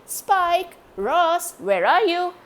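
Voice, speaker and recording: A woman's voice: very high-pitched, big pitch swings, extremely slow, voice pushed up, full character voice. A woman voicing a young male dinosaur who has lost his roar, speaking in a fretful, self-pitying way. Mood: calling out.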